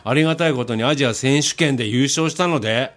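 A man's voice: medium pitch, fast talker, fairly bright tone. A man hosting a casual radio show, reading out listener emails with a playful, chuckling manner.

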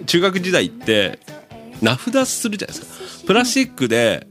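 A man's voice: high-pitched, huge pitch swings, normal speed, over music. A man in his fifties hosting a radio show, reading listener mail in a casual, teasing way and laughing often. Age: 50s. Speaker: radio host.

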